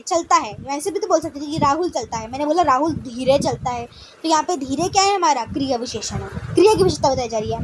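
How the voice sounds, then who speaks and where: A woman teacher giving a grammar lesson who keeps asking "okay, friends?" and mixes English words into her talk. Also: high voice. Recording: noisy recording.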